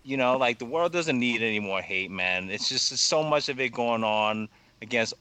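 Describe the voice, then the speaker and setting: A young man talking as a podcast guest in a halting, rambling way, full of fillers and swearing. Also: mid-range voice, animated, bright, forceful tone, smooth. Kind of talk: casual podcast conversation.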